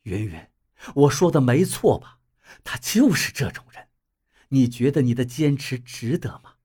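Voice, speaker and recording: A man voicing a scornful young man in an audiobook, speaking low and contemptuously. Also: very animated, a little slow, warm tone, husky.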